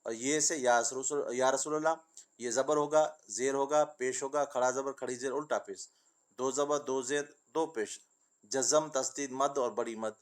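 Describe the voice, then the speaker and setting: A man's voice: medium pitch, steady tone. Patient man teaching children letters. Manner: patient, sing-song listing of words; addresses pupils as beta, asks and answers own questions. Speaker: Urdu teacher. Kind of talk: children's reading lesson.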